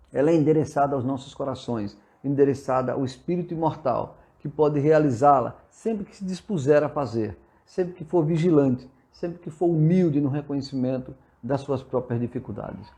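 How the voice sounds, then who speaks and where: With a warm, medium-pitched voice and a moderate pace, this Brazilian Portuguese-accented spiritist preacher hosts a live session via phone or computer stream. He gives an earnest, exhortative sermon-like talk, reading out viewers' comments and responding.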